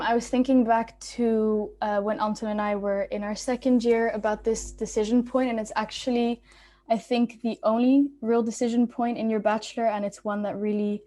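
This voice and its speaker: A woman's voice: on the high side, dark tone. A young woman from Belgium, a student speaker, giving a casual, informal talk on a video call with many ums and restarts. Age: young adult.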